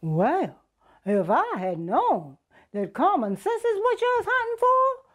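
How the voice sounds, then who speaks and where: A woman voicing a clever, cheeky male trickster rabbit in a folk tale, with a high, teasing sing-song voice. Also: huge pitch swings, a little slow, a bit bright, heavily acted. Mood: smug teasing.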